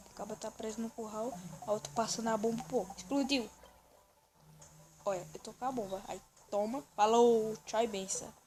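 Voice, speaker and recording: A woman with a Brazilian accent giving excitable, running commentary on a game she is playing for a video, often telling the viewer to look. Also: a little high, noisy background. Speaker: gaming video host. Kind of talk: let's-play gameplay commentary. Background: faint game music.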